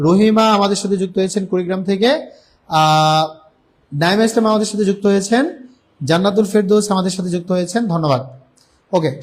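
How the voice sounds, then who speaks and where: A young Bangladeshi man with a high voice, teaching English grammar in a live online class. He asks his students a question and answers it himself right away, again and again. He draws the English example words out slowly so they are easy to follow. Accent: Bangladeshi Bengali.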